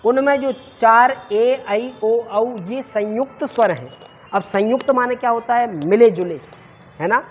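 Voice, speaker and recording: A woman's voice: a little high, measured pace, a little mellow. A woman teaching Sanskrit in a classroom lecture, quizzing her students and answering her own questions, sometimes stretching sounds out to demonstrate them. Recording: muffled lo-fi with faint noise.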